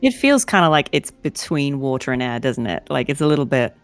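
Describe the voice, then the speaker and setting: A woman's voice: extremely low pitch, big pitch swings, a little fast, soft background music. A woman voice actor chatting as a guest in a giggly, self-deprecating way. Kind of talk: casual interview chat.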